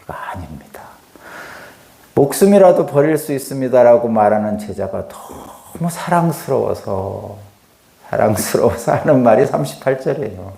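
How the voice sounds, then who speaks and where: A man's voice: a little high, creaky, dark tone, echoey room. A middle-aged male pastor preaching a dawn sermon in a conversational way. He acts out dialogue and asks rhetorical questions.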